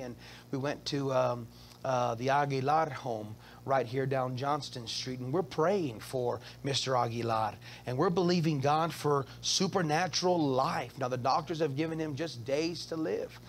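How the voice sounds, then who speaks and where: A man preaching a Wednesday evening sermon as the pastor, calling on the church to answer and rising into loud, high exclamations. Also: slight background noise. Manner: call-and-response preaching, swells into high exclamations.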